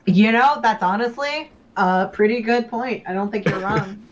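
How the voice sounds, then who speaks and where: A woman's voice: mid-range voice, moderate pace. A woman chatting casually as co-commentator on a video game playthrough. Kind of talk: casual chat over gameplay. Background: game music.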